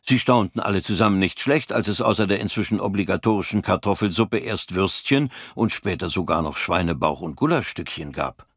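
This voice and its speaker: A man reading an audiobook in a measured, even storytelling manner. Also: deep voice, slightly rough, dry recording, clean studio sound. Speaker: narrator. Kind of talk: scripted audiobook narration.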